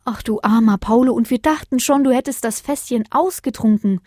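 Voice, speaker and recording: A woman's voice: on the high side, brisk, mellow, no echo, studio quality, pitched above the performer's own voice, natural voice. A woman voicing a caring female Saint Bernard who asks concerned questions.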